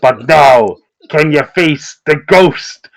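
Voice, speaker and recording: A man's voice: on the high side, animated, takes it slowly, vocal fry, voice pushed up, full character voice. A man voicing an unseen, theatrical showman whose taunting voice sounds metallic and slightly muffled in a tabletop game.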